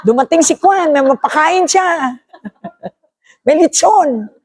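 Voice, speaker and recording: A preacher voicing a tempting demon that coaxes a listener to skip fasting, in a raised, playful voice. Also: expressive. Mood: coaxing. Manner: coaxing, playful, high.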